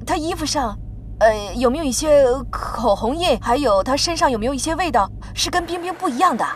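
An actress playing a frantic, hot-tempered middle-aged mother in a TV drama, excitable and quick to scold. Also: high voice, slight background noise. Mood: prying. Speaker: mother of a grown daughter. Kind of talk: TV drama acting. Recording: faint music behind.

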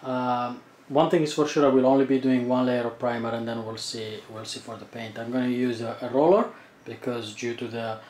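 This man, in his thirties and building a home cockpit, talks through a DIY job step by step in plain terms as he goes. His medium-pitched voice is steady, a little fast, and slightly mellow. He's recorded off-mic from a distance in an echoing room at home.

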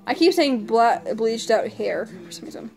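A woman with a high, bright-toned voice chats playfully to her dog in a casual home vlog, laughing often. Faint music plays quietly behind her. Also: big pitch swings, moderate pace. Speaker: vlogger.

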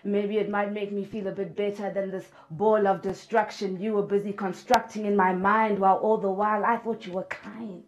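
A woman's voice: mid-range voice, flat delivery, moderate pace, hardly any pauses, lo-fi sound, soft background music. A middle-aged woman performing spoken word poetry in a studio, with rhythmic delivery and repeated refrains that build in force. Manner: rhythmic, repeating refrains, rising to loud intensity. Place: studio with patterned backdrop.

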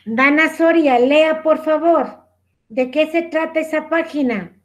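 A woman's voice: sits high, measured pace. A woman teacher with an Ecuadorian accent, patiently giving a lesson over a video call and calling on students by name. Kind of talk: online class instruction.

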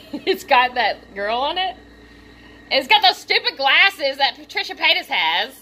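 Excitable young girl vlogging at home, voice jumps all over, squeals and giggles a lot. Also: high-pitched, unhurried, slight background noise. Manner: gushing, giggly, lots of fillers, squeals and shouts with excitement. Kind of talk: excited unboxing vlog. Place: home room.

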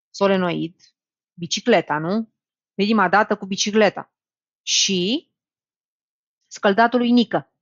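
A lively woman teacher leads an exam-prep lesson, questioning her students and reasoning out loud as she works. Her voice sits at a medium pitch for a woman. The recording is dry and slightly muffled. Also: no room sound. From Romania. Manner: lively, talks to students directly, thinks aloud. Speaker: Romanian language teacher.

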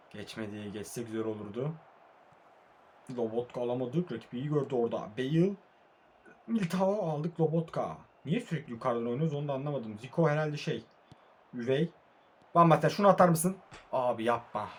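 A young man, sleepy late at night, commentating his own football video game match in a casual way, calm one moment and frustrated the next. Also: mid-range voice. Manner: casual, swings between calm murmuring and frustrated outbursts. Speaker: mobile football gamer. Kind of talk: live match commentary while playing.

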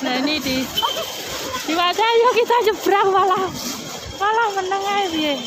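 A woman's voice: very high-pitched, animated, measured pace. A woman vlogger, chatting casually through a face mask while walking along a street. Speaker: vlogger host. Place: outdoors on a busy street. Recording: loud street crowd and traffic noise.

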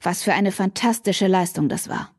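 A woman's voice: medium pitch, normal speed, a little mellow, husky, no echo, clean studio sound. A woman voicing a cocky, charming young male student in an audiobook, pleading in an easygoing way.

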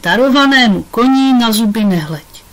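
A woman's voice: fairly high pitch, animated, pitched above the performer's own voice, close to an everyday voice, low-quality recording. A woman reading aloud, voicing a quirky, bold schoolgirl with cheeky retorts in a storybook.

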